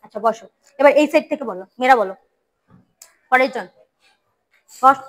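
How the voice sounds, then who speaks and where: Woman teacher, high voice, classroom pronunciation drill, repeats and corrects. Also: normal speed, rough recording. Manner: repeats words and corrects students.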